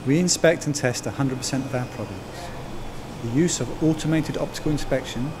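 Man, measured corporate voice-over read, mid pitch, noisy backdrop. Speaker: company narrator.

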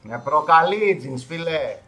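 A man streaming a game live, commenting casually as he plays and swinging from loud outbursts to low mutters. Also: lively intonation.

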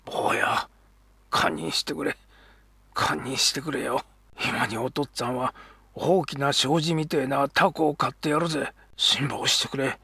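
A man voicing a proud but struggling middle-aged kabuki actor who talks in a rough, earnest Edo dialect. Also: medium pitch, fairly even intonation, moderate pace, fairly bright tone, no room sound. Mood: tender, pained.

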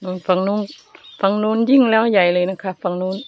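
A woman's voice: mid-range voice, steady tone, quick pace, dull audio. A woman, chatting casually and coaxingly to camera as a vlog host, speaking politely to her viewers. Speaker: elephant keeper vlogger.

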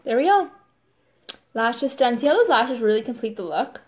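A woman's voice: fairly high pitch, lively intonation, normal speed. A woman hosting a casual live makeup demo, chatty and filling her talk with "like" and "totally". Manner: chatty, says "totally" and "like" often.

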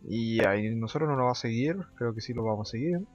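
A young man, excitedly commentating a strategy game and dropping English gamer slang and curses. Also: medium pitch, quick pace, lo-fi sound, faint music behind. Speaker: gameplay commentator.

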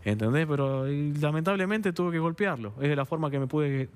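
This man from Argentina, heard on a TV studio interview, speaks Buenos Aires Spanish in a slightly high, clear, resonant voice at a brisk pace. Recounting events vehemently, he acts out the dialogue and keeps asking "understand?".

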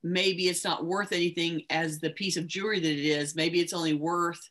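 A woman's voice: lowish voice, fairly even intonation, moderate pace, fairly bright tone. A woman hosting a casual webcast about organizing, chatty and reassuring, laughing easily. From United States. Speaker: host, professional organizer.

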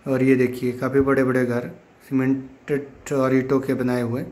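With a medium pitch and a completely flat, slightly mellow delivery at normal speed, a village vlogger narrates informally. He's from the Himachal Pradesh hills of northern India and keeps pointing things out to viewers, calling them friends and repeating himself.

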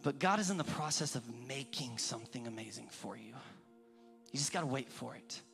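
A man's voice: mid-range voice, brisk, vocal fry. A man in his thirties preaching a sermon, telling personal stories candidly and acting out the people in them. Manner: candid, animated, acts out dialogue in different voices. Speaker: pastor. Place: church auditorium. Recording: reverberant church hall with faint music.

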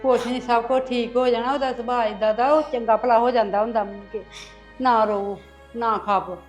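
A woman's voice: on the high side, steady tone, moderate pace, soft background music, lightly acted. An actress playing a mother-in-law who frets and coaxes her new daughter-in-law. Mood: soothing. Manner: fretful then coaxing.

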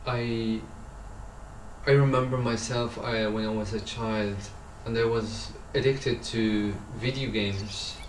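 A man in his thirties from Morocco, an artist speaking slowly about his work and searching for words. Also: fairly low pitch, steady tone, roomy sound, recorded from a distance, a little hiss or hum, low-quality recording. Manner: slow, halting, searching for words. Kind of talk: reflective interview voice-over.

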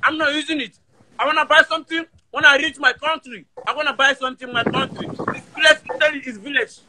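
A man's voice: very high voice, steady tone, fast talker, very noisy. A man on a phone video call, insistently repeating himself and defending his story. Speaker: caller. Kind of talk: casual video-call banter.

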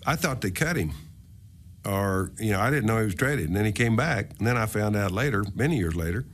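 A man's voice: lowish voice, expressive, fairly bright tone, slight background noise. An older man, a former teammate, casually recalling events in an interview with some hesitation. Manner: casual, a bit halting. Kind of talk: relaxed interview recollection.

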